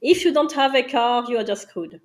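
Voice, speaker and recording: Swiss woman, slightly higher voice. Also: fairly quick. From Switzerland. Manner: hesitant, non-native phrasing. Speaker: guest. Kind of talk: casual chat.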